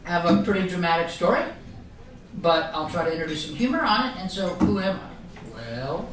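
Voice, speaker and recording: A middle-aged Irish man gives a casual, joking talk as guest speaker to a live group, rambling and often restarting. His voice sits high, expressive and a bit fast. The recording is noisy, from a distant mic in a roomy meeting room.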